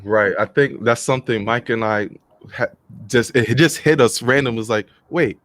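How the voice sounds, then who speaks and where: A man co-hosting a podcast interview over a video call, speaking in a relaxed, casual way that often repeats and restarts words. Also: mid-range voice, moderate pace, no echo, clean studio sound. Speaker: podcast co-host.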